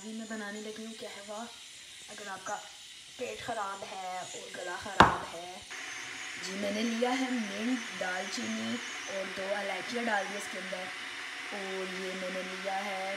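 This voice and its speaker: A hoarse woman talking casually in a home vlog, explaining things as she cooks in her kitchen. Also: medium pitch, heavy background noise. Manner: whispering hoarsely at first; chatty, cooking while explaining. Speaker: vlogger.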